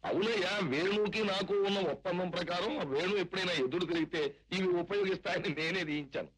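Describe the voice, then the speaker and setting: A man's voice: high-pitched, fast talker, a bit bright, low-quality recording. An actor playing a crafty middle-aged male schemer who speaks in a conspiratorial way, in a film soundtrack.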